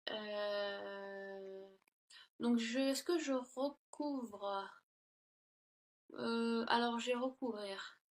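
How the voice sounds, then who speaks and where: A tarot reader gives a casual reading into her laptop's built-in mic, speaking extremely slowly in a slightly high voice. She pauses often and sounds hesitant, full of fillers and self-corrections.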